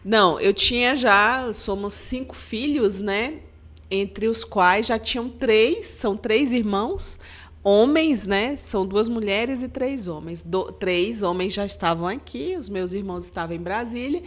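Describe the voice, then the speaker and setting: A woman's voice: mid-range voice, a little slow. Middle-aged woman from Maranhão, Brazil; earnest interview guest, storytelling manner. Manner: earnest, storytelling, frequent "né?" tags. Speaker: guest, government agency head. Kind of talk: podcast interview.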